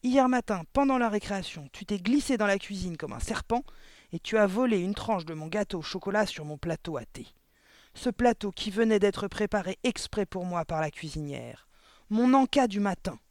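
A man's voice: fairly high pitch, normal speed, a little mellow, no room sound, close to an everyday voice. A man reading a storybook aloud, voicing a cruel, furious woman headmistress who bellows insults at a pupil. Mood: raging.

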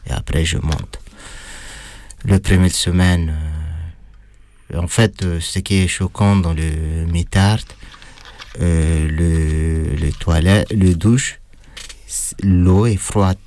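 A man being interviewed, recounting his experience in halting, hesitant speech with a non-native accent. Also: deep voice, fairly even intonation, dark tone. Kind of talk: personal account in an interview.

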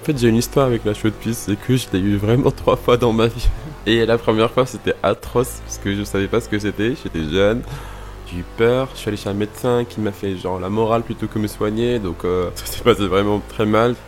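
A man's voice: on the low side, fairly even intonation, fairly quick, soft background music. A man in his twenties from Morocco, a drag queen, talking casually about his life with many fillers and restarts. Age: 20s. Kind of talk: personal interview monologue.

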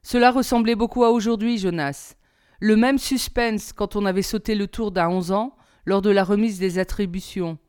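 A woman reading aloud and voicing a steady, serious father, earnest as he explains. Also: mid-range voice, moderate pace, clean tone, dry recording, studio quality, lightly acted.

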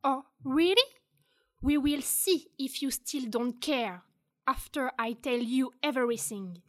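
A woman's voice: sits high, slow pace. A woman playing a spiteful young crewmate. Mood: scornful. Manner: scornful, threatening. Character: spiteful young woman crew member, gossiping. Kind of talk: student audio drama acting.

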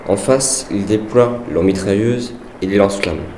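A man giving an earnest, measured dramatized reading of a wartime letter. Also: on the low side, a little mellow, a little hiss or hum. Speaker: reader of a soldier's letter. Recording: echoey room with faint background ambience.

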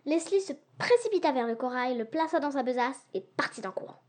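A woman narrating an adventure audiobook for young listeners with a lively, expressive reading. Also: sits high, fairly quick. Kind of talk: storybook narration.

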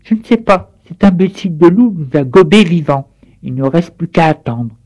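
A man voicing an old grandmother in a children's story, shrill when she calls for help and firm when she lays down terms. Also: animated, normal speed, darkish tone, muffled recording. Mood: annoyed. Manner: shrill, pleading. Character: frightened, scolding old grandmother.

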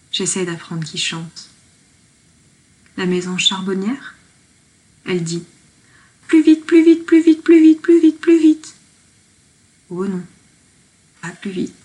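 A woman's voice: lowish voice, poor audio. A woman reading her own poetic lockdown diary aloud in a tender, reflective way. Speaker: diarist.

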